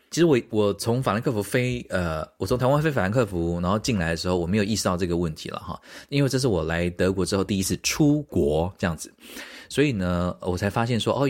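A man hosting a solo podcast, telling anecdotes in an animated, venting way and mimicking the voices of people in his stories. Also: low voice. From Taiwan. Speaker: podcast host. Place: living in a small German university town.

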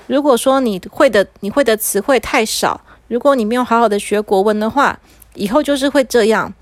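A woman voicing a calm magician who lectures a boy. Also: a little high, dry recording, close to an everyday voice. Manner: preachy, lecturing.

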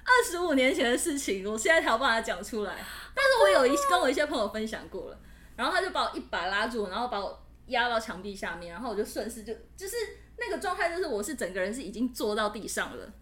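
A woman's voice: on the high side, very animated, fast talker, fairly bright tone. A woman, co-hosting a podcast and candidly recounting a personal story in casual chat. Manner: candid, laughs while telling a frightening story. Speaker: podcast co-host.

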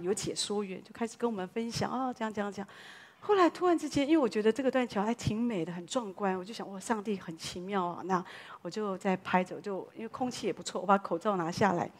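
A woman pastor, preaching a sermon as a lively story full of exclamations. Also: medium pitch.

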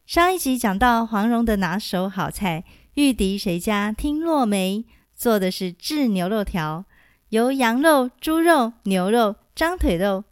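Slow, measured woman storyteller. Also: medium pitch, dry recording, clean studio sound. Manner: measured, clear, gently expressive. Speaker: storytelling teacher and host. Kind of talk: scripted storytelling narration.

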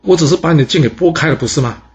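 A man's voice: fairly high pitch, very fast, darkish tone, highs cut off, pitched above the performer's own voice, natural voice. A man voicing a cocky, teasing young archer in a storybook tale. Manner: playful teasing.

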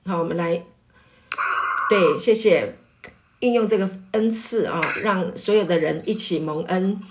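A woman pastor's wife teaching a church group and leading prayer, explaining patiently with many fillers and building to loud, fervent calls of praise. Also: mid-range voice, measured pace, background noise. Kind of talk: sermon teaching. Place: church meeting, also online.

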